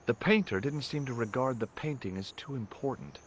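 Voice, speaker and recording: An actor voicing the wry, sarcastic protagonist who also narrates a video game. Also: male voice, mid-range voice, brisk, a little hiss or hum, lightly acted.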